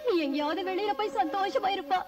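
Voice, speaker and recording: A woman's voice: very high-pitched, quick pace, distant mic, over loud music. An actress in a dubbed film playing a kind, poor mother who pleads and weeps over the child she raised. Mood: tearful. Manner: pleading and tearful.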